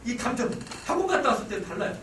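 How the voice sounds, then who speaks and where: A man giving a psychology lecture on parenting to a live audience, talking in an animated way. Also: very high voice, racing, distant mic, background noise. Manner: animated, acts out mothers' lines with sudden shouts. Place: lecture hall. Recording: roomy hall sound from off-mic. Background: audience laughter.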